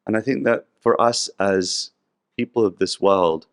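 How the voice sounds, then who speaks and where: A man talking as a podcast guest, telling stories and reflecting on spirituality in an earnest, gently explanatory way. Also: on the low side, steady tone, unhurried, clear, resonant tone, no echo, studio quality.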